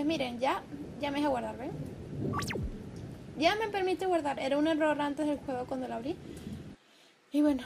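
A woman's voice: sits high, creaky, noisy background. A woman hosting a horror game playthrough, chatty and jokey, swearing and laughing as she plays. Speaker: gaming video host. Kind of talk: horror game let's play commentary. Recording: game music playing loudly behind. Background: game music.

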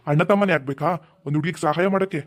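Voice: medium pitch, quick pace, close to an everyday voice. A performer voicing a menacing, mocking ghost in a cartoon. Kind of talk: animated cartoon voice acting.

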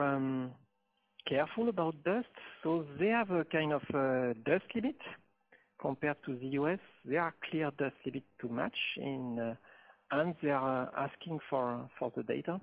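A man answering questions as an expert panelist on a webinar, halting with many pauses. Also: on the high side. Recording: tinny phone-like line.

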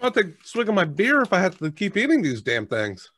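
A man's voice: high voice, wildly swooping pitch, fairly quick, a bit bright. An American man in his thirties chatting casually and matter-of-factly as he hosts a snack review. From United States. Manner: matter-of-fact, eats crunchy snacks while reviewing. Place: indoors, at a desk on a video call. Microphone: headset.

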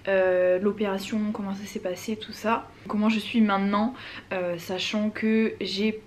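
A woman's voice: medium pitch, little pitch movement, measured pace, slight background noise. A young woman vlogger chatting informally and frankly to camera, with some self-deprecation. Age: young adult. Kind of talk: casual chat to camera. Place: small room at home, indoors.

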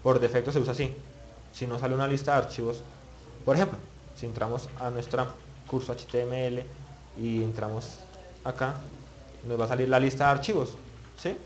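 A man's voice: mid-range voice, steady tone, a little fast, pauses often, lo-fi sound. A man teaching web page building in a screen-recorded tutorial, thinking aloud and muttering as he clicks, with many restarts. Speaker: web development instructor.

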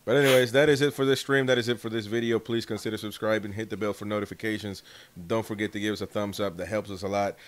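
A young man hosting a casual football watchalong, haltingly repeating words as he thinks. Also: on the low side, steady tone. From United States. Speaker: host and Newcastle fan. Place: small indoor room at home, video call.

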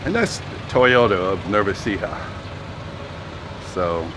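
Deep-voiced man on a slow house tour. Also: sing-song, noisy background. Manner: rambling and chatty, pauses with fillers. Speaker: vlogger giving a house tour. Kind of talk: casual walking-tour narration. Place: inside a two-story house, partly out on a balcony. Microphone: phone camera handheld while walking.

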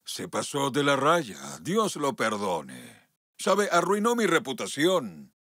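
A voice actor in a film dub playing a middle-aged father who apologizes in a measured way for his son's behavior. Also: mid-range voice, wildly swooping pitch, a bit bright, no echo, clean studio sound, heavily acted. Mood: apologetic. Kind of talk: dubbed film acting.

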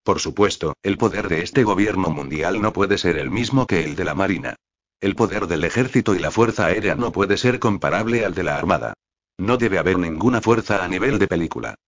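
A man with a low voice narrates an audiobook at a steady, even pace, adding little expression to the reading. The recording sounds dull and lo-fi, as if the top end were rolled off. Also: fairly quick.

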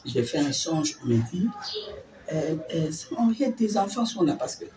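A woman tells her personal faith testimony as an interview guest, acting out the words of others as she goes. Her pitch swings widely and expressively. She sits some way from the mic, with a faint hiss of noise behind her. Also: normal speed, recorded from a distance. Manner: animated storytelling, acting out quoted speech.

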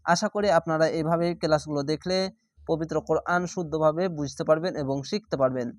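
A man's voice: fairly high pitch, steady tone, quick pace, dry recording, studio quality. Male Quran teacher spelling syllables. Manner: spells each letter and syllable, then drawls the joined word. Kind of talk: spelling-out Quran recitation lesson.

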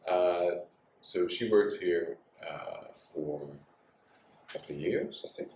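This bar-and-dojo owner in his forties speaks slowly in a deep, somewhat mellow voice, over slight background noise. As an interview guest he keeps things laid-back, full of fillers and laughs. The camera sits far off in the small bar with its signed walls, giving an echoey, distant sound.

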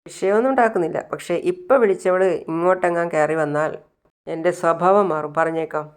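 A woman voicing a suspicious, sharp-tongued young wife. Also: fairly low pitch, fairly quick, clean tone, close to an everyday voice.

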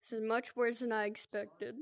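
A woman's voice: fairly high pitch, little pitch movement, moderate pace, gravelly. A woman doing casual let's-play commentary as a scared horror game streamer, jumpy, exclaiming and playfully indignant. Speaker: gaming video creator playing a horror game.

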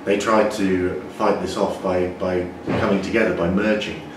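Deep-voiced brewer in an echoey room. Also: male voice, flat delivery, recorded from a distance, noisy background. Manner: measured, explanatory, with frequent restarts. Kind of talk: interview answers. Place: indoor brewery floor.

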